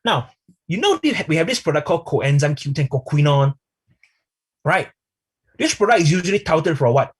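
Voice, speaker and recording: A man's voice: fairly high pitch, expressive, moderate pace, long pauses, slightly rough. A man giving a live online product training, chatty and speaking to the viewers as friends.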